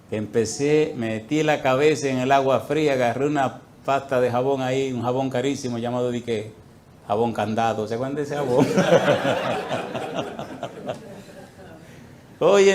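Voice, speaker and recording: Male preacher, mid-pitched, dramatic storyteller who swings between hushed asides and loud outbursts. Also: slight background noise. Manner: dramatic storytelling, acting out his own prayers with sudden loud outbursts. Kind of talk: sermon storytelling.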